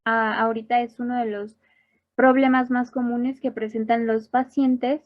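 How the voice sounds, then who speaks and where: A woman teacher giving a recorded class and repeating each term slowly so students can copy the pronunciation. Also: a little high, little pitch movement, highs cut off. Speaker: English teacher for health workers. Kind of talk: recorded online class explaining slides.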